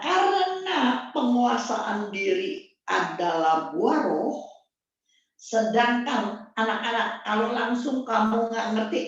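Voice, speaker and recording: Slow emphatic woman preaching, echoey. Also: mid-range voice. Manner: emphatic and blunt, repeats key phrases. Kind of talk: sermon. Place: church hall. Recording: distant, dull, very echoey room.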